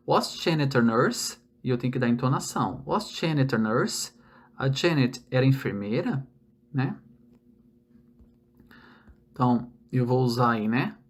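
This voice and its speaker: Young Brazilian male English teacher, patient step-by-step explainer, mid-range voice. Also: mid-range voice. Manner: explains step by step, frequent tag questions. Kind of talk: online language lesson.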